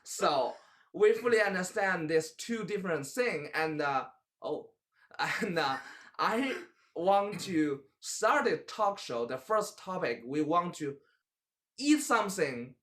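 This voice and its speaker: A young man with a Chinese accent hosts a casual talk show in English, his voice sitting a little high. He talks in a halting way, stopping to search for words and gesturing as he goes. He sits at a table in a small room. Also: expressive, fairly bright tone. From China. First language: Mandarin. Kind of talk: casual chat.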